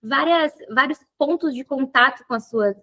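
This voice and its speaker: A woman's voice: sits high, normal speed, sharp tone, a little hiss or hum. A woman hosting an interview, talkative and thinking aloud with many fillers. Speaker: podcast host and physiotherapy teacher. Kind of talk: casual interview chat.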